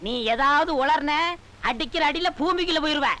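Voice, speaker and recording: Brief: bright high-voiced cheeky disciple, plots against his master. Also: moderate pace. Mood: scheming. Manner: cheeky, wailing when beaten. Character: scheming cowardly male disciple, ex-convict, cheeky. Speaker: sorcerer's disciple. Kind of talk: 1990s film comedy dialogue.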